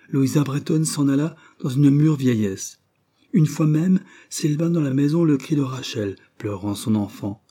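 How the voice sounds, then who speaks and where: A man narrates a classic novel, measured and expressive. His voice is mellow and dark, with a soft husky edge. It suits a literary audiobook. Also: on the low side. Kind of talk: scripted narration.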